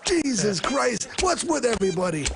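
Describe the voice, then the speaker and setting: A man's voice: very high voice, very animated, moderate pace, creaky, music in the background, heavily acted. A man voicing a foul-mouthed, bitter, washed-up male clown who grumbles and curses. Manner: crude, grumbling, cursing. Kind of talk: comedy sketch acting. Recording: noisy recording.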